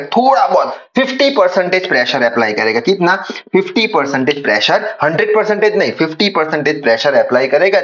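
This engineering tutor's voice sits high and a bit bright, though the top end of the audio is cut off. Lecturing at a whiteboard, the young man asks his own questions, answers them, and often circles back to the main points.

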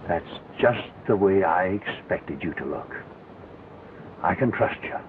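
An old blind marksman from a 1930s western, earnest and resolved. His voice is low and swings widely as he speaks slowly and deliberately. It comes through an old, tinny film soundtrack. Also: expressive, a little hiss or hum. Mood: confiding.

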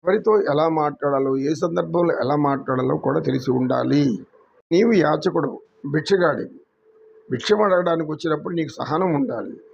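A man with a Telugu accent, a yoga teacher telling a moral story in an unhurried, preachy way. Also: a little high, gravelly, dull audio, slight background noise.

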